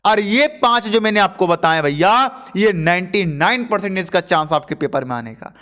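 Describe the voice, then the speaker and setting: A man's voice: high-pitched, lively intonation, moderate pace, sharp tone. A young man teaching an exam-prep lesson, explaining Hindi poems in a chatty way and checking in with his students. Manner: chatty, addresses students as bhaiya, repeats "theek hai" often.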